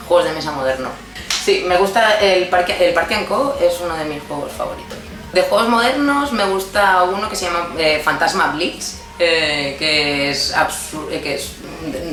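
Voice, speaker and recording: A woman's voice: low-pitched, a bit bright. Chatty thirty-year-old Spanish woman, roomy sound. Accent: Spain Spanish. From Barcelona, Spain. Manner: chatty and playful, laughs often, hesitant fillers. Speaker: guest answering personal questions. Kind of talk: casual personal Q&A monologue.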